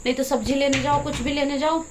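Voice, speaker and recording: A woman's voice: sits high, level tone, fast, slight background noise. A middle-aged woman, chatting casually to camera in a home vlog while she explains things and does chores. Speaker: vlogger. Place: home kitchen and yard.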